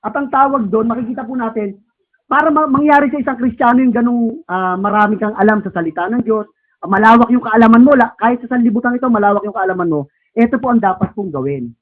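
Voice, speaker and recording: A man's voice: extremely high pitch, fast talker. A man preaching a conversational Sunday sermon in church, often asking the congregation rhetorical questions and prompting a reader through verses. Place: church service. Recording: tinny phone-like sound.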